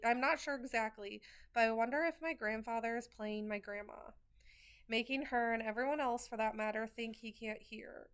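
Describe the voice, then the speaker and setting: A woman with a fairly high voice reads a first-person storybook chapter aloud. Her delivery is earnest, with wry asides and the odd small restart along the way. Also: smooth. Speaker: reader of a novel.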